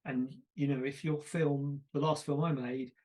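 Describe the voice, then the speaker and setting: A man's voice: medium pitch, steady tone, unhurried, darkish tone. Chatty man hosting a podcast. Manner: chatty, storytelling with self-deprecating asides. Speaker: podcast host. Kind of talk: casual conversation.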